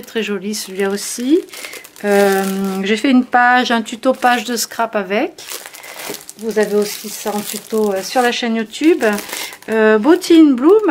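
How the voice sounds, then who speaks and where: A woman's voice: on the high side, slight background noise. A woman casually showing new scrapbooking papers and tools from her shop, talking with frequent hesitations and fillers. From France. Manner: hesitant, many fillers, friendly. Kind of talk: casual product show-and-tell.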